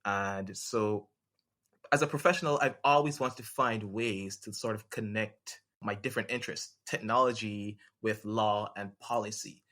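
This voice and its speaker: A man from Jamaica, a lawyer and podcast guest, talking in a relaxed way with plenty of fillers. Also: lowish voice, moderate pace. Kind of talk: casual interview talk.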